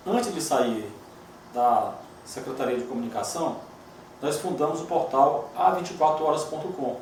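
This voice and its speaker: A man, a journalist and lawyer, giving a measured, reflective documentary interview. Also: medium pitch, darkish tone, slight background noise. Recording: very echoey room, distant mic.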